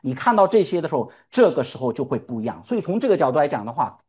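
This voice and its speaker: A man's voice: fairly high pitch, very animated, rapid-fire, darkish tone. A male pastor preaching a sermon. He fires rhetorical questions at the congregation and calls for amens. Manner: calls for "amen" responses.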